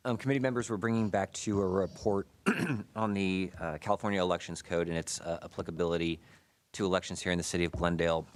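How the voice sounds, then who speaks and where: An American man, probably in his thirties, gives a formal, measured presentation at a public meeting, his voice muffled by a face mask. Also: deep voice, steady tone, a little hiss or hum. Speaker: city staff presenter reporting to a committee. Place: indoor city committee meeting room.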